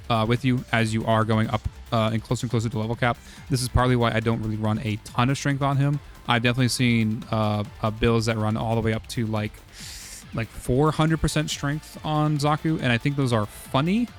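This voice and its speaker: Hoarse man rambling about game builds. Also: medium pitch. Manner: rambling, full of "uh" and "like". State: hoarse, losing his voice. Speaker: streamer. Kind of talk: casual game strategy talk.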